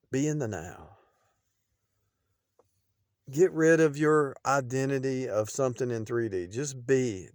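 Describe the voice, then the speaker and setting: With a medium-pitched voice, a middle-aged man preaches off the cuff in a meandering way, circling back over phrases and beginning sentences again as his loudness often drops. The recording is dry and of studio quality.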